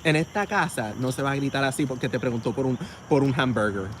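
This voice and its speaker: A man's voice: medium pitch, racing, background noise, natural voice. A man voicing a scolding grandmother who lays down house rules, as an acted quote in a casual vlog. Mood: stern scolding. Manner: stern scolding in Spanish.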